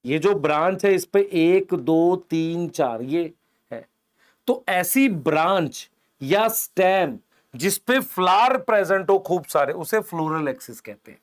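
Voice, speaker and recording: In a fairly high, expressive voice and at a slow pace, a man gives an online exam-prep biology lecture in Hindi mixed with English terms. He draws on a board and explains each step, pointing with "idhar dekho," firing short questions at the class, answering them himself, and calling students "beta."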